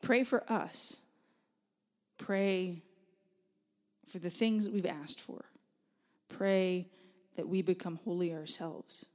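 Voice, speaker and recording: A woman's voice: fairly low pitch, fairly even intonation, takes it slowly, pauses often, darkish tone. A woman hosting a podcast, introducing her guest and asking questions in an upbeat, conversational way. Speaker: podcast host.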